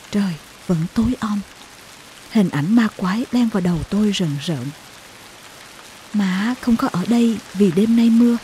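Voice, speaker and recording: A woman reading a heartfelt story aloud as a narrator, slow and tender in her storytelling. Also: medium pitch, warm tone, a little hiss or hum. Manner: slow, tender storytelling with emotional acted quotes. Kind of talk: scripted audiobook narration.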